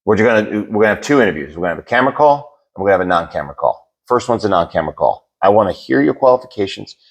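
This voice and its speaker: A man's voice: fairly low pitch, expressive, very fast. A man co-hosting a podcast in a casual debate chat, rambling and repeating words as he searches for them. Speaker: podcast co-host.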